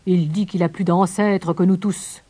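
A woman's voice: on the low side, steady tone, unhurried, dark tone, husky. A woman voicing a matter-of-fact rat in a storybook, in a plain telling voice.

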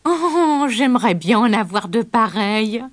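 A woman's voice: on the high side, expressive, slow, no room sound, pitched below the performer's own voice. A woman voicing a cheerful, absent-minded old male professor in a children's storybook reading, with an eager, exclaiming manner.

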